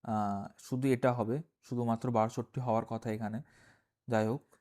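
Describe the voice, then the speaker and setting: A man's voice: mid-range voice, fairly even intonation, moderate pace, a little mellow. A man teaching from a primary school textbook in a casual recorded lesson. He reads lines aloud, explains with frequent "ah" fillers, keeps asking "okay?" and corrects himself as he goes. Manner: self-corrects page numbers aloud.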